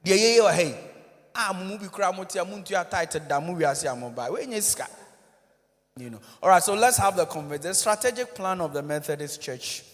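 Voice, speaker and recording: Ghanaian preacher guy, high voice, lively jokey talk to a crowd, big echoey hall. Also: brisk. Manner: animated, joking, code-switching, addresses audience directly. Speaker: church minister. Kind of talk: conference talk mixing English and Twi. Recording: long reverb of a large hall.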